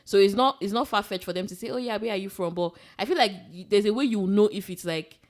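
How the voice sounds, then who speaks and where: A young woman with a Nigerian accent co-hosts a casual podcast, telling long stories packed with filler words. She talks at a fast clip, with a pitch that sits right in the middle. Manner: rambling, animated storytelling with many "like"s. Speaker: podcast co-host. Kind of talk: casual chat.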